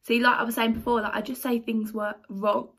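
A woman's voice: on the high side, level tone, brisk, a bit bright, slightly rough. Chatty sarcastic young woman. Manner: reads comments aloud, then reacts. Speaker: YouTuber answering viewer comments. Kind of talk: casual comment-reading vlog.

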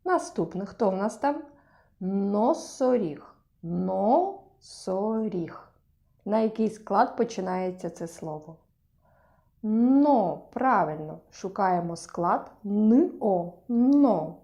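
A woman teaching a speech lesson to young children, sounding out syllables clearly and praising often. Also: medium pitch, expressive, a little slow, hardly any pauses, darkish tone.

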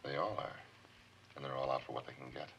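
A man playing a bitter, vengeful diner cook who talks in a rough, sneering way, in 1950s film noir acting. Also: extremely low pitch, fairly even intonation, fast talker, fairly bright tone, highs cut off, a little hiss or hum, exaggerated voice.

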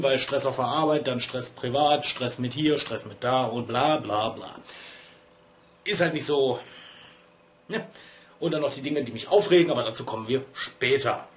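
This vlogger and streamer, a man in his thirties, rambles in a chatty, self-deprecating, digressive way from a small LED-strip-lit room at home. He speaks at a moderate pace in a mid-range voice, a little stuffy from a cold, with a bit of hiss or hum in the audio.

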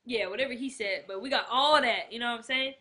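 A woman's voice: fairly high pitch, fast, sharp tone. A young woman in casual banter, talking in a slangy, playful way. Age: young adult. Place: small curtained living room.

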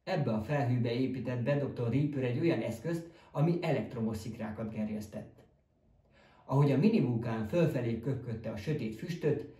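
A man's voice: mid-range voice, warm tone. Man narrating a storybook in a roomy echo. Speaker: audiobook narrator. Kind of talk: scripted narration. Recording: roomy, distant mic.

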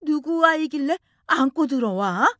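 A woman voicing an older mother-in-law who scolds and wails in a shrill, high voice. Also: lively intonation, a little slow, a bit bright, dry recording, studio quality. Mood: scolding.

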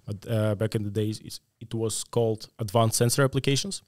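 A man's voice: on the low side, fairly even intonation, a little fast, dry recording. A man from Latvia in his thirties, a guest in a podcast interview, talking with many fillers into a studio mic. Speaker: guest, AI consultant. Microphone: studio mic on a stand.

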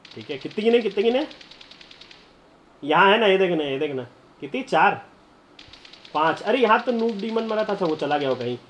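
A young man streaming a game live, chatting to viewers and breaking into excited shouts and laughter. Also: high-pitched, normal speed, pauses often, slight background noise. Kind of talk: live gameplay commentary.

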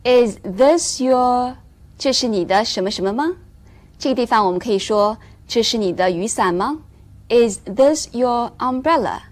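A woman with a slightly high voice gives a recorded English lesson to Chinese learners. She explains in a clear, measured way and slows down to model the English phrases. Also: expressive, a little mellow. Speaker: English teacher.

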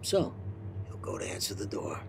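A man playing a childish mafia boss in a comedy sketch, speaking solemnly and deliberately like a fatherly godfather. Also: low-pitched, sing-song, gravelly, noisy background, heavily acted. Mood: pleased, scheming. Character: childish Italian-American mob boss, grave and fatherly. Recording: music playing under the voice.

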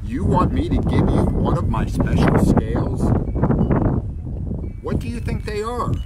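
A man voicing a vain, proud male fish who speaks in a haughty, snapping way, over loud wind and traffic noise. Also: fairly high pitch, expressive, normal speed, close to an everyday voice. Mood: angry.

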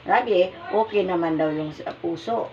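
An older woman with a Filipino accent, telling a personal story in a rambling, halting way, often searching for words. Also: fairly low pitch, a little mellow. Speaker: mother telling her story. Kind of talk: casual storytelling. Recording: muffled, distant, with background noise.

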